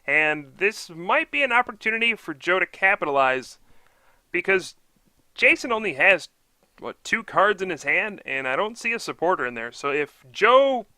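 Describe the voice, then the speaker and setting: A man's voice: on the high side, sharp tone, dry recording. A man doing live card game commentary, upbeat and analytical, explaining each play.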